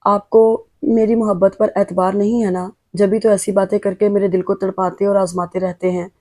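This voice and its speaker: A woman's voice: medium pitch, flat delivery, warm tone, close to an everyday voice. A woman voicing a devoted, tearful young wife. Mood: earnest. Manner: earnest, emotional.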